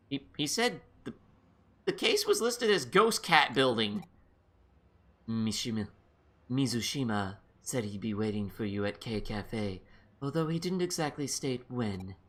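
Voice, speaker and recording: A man's voice: medium pitch, a bit bright. A man casually playing through a video game on stream, reading its text aloud and muttering asides. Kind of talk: let's play commentary, reading game text.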